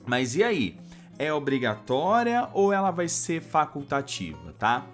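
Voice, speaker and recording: A man walks through a grammar lesson for exam candidates, taking each point step by step. His pitch rises and falls a lot as he checks in with his listeners. A faint bed of music plays under his voice. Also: big pitch swings, a little slow, a bit bright. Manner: explains step by step, often adds a checking "tá?". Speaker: grammar teacher.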